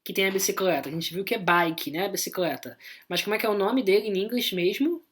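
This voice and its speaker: A woman with a Brazilian Portuguese accent, explaining an online English lesson in a chatty way and tagging her sentences with quick checks to the class. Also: mid-range voice, breathy edge. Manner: chatty, explanatory, constant "né?" and "tá?" tags. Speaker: English teacher.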